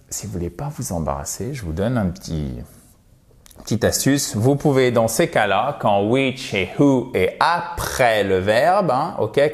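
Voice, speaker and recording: A French-speaking man teaching English in a video lesson, lively, saying English sentences slowly and clearly. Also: mid-range voice.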